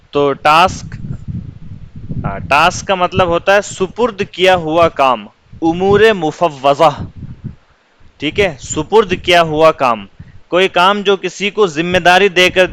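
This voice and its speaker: Bright-voiced man dictating an English lesson. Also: high-pitched, a little hiss or hum, low-quality recording. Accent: Urdu. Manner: dictates words slowly and repeats meanings. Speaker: English teacher.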